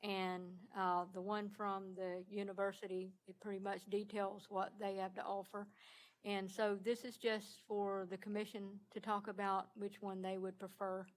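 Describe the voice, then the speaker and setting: A woman's voice: mid-range voice, little pitch movement, normal speed, poor audio. A woman speaking as city clerk, briefing a commission in a plain, matter-of-fact way. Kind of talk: briefing at a public meeting.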